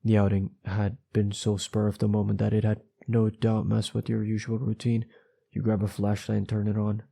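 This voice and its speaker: A man reading a second-person horror story aloud, quickly and with stumbles and nervous asides to his viewers. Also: lowish voice, monotone, creaky, mellow, husky.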